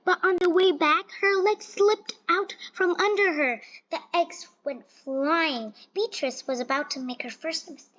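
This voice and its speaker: A woman with a very high-pitched, slightly bright voice reads a children's picture book aloud at a measured pace, barely pausing. She's expressive but makes small stumbles and repeats, and the recording sounds dull and lo-fi.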